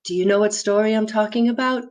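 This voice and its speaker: Quick-paced and slightly mellow at medium pitch, a woman children's storyteller and theatre performer describes her puppets and props simply to young viewers and keeps asking them questions.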